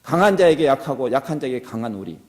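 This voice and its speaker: A middle-aged man preaches as a pastor in a church sanctuary, and the hall's reverberation surrounds his fast, very animated, medium-pitched voice. He begins earnestly and rises into impassioned exhortation.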